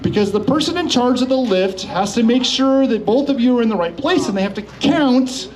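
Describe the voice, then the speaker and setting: A man's voice: extremely high pitch, animated, brisk, darkish tone, slight background noise. A man presenting a live demonstration to a crowd as an instructor, with a jokey, showman-like manner. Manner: showman-like, jokey, addresses the audience. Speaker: motorcycle instructor and demonstration host. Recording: live event with crowd behind.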